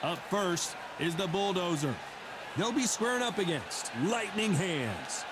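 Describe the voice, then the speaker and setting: A man playing an energetic boxing play-by-play commentator in a sports game, projected and punchy, over loud crowd and music. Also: high voice, unhurried, very noisy. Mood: upbeat.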